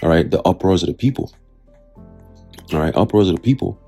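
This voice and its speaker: A man with a husky, gravelly low voice delivers casual commentary on his own channel. He is blunt and swears freely, circling back to his points with "okay?" and "right?". Faint music plays under his voice. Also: lively intonation, brisk, dark tone. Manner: reads from a news article aloud between remarks. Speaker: channel host giving prophecy commentary.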